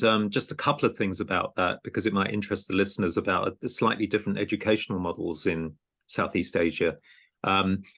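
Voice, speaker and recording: A man with a fairly low voice hosts a conversational podcast interview. He talks with plenty of ums, pauses and restarts. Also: a bit bright. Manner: hesitant, many ums and restarts. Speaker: podcast host and programme director.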